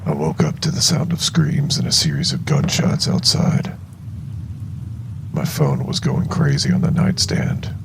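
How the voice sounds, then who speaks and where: A man playing an exhausted, shaken young survivor of a zombie outbreak, narrating a horror audio journal in a gravelly, halting voice. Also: big pitch swings, slight background noise, heavily acted. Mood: weary dread. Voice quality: very deep, gravelly, creaky. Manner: slow, halting, heavy dramatic pauses.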